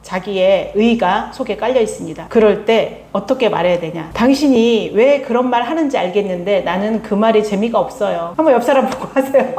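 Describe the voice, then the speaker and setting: A woman's voice: medium pitch, lively intonation, normal speed, hardly any pauses, a little mellow. A woman pastoral counselor giving a church lecture, coaxing her audience to repeat phrases after her. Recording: echoey hall, faint room noise.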